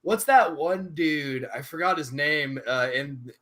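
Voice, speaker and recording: A man's voice: on the high side, takes it slowly, fairly bright tone. A young man in casual chat on a livestream, rambling with lots of filler words. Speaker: stream host.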